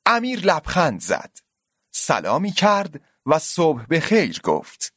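A man narrating a scripted story with expressive delivery. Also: on the high side, breathy edge, no room sound, clean studio sound.

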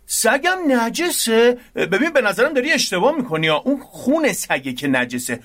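A playful, teasing young student with a high, light voice, as an actor plays him in a radio drama. He is quick to argue and easily confused, and he jokes through every explanation. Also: very animated, fairly bright tone, exaggerated voice. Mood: joking. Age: young adult. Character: joking, muddled young male university dorm student.

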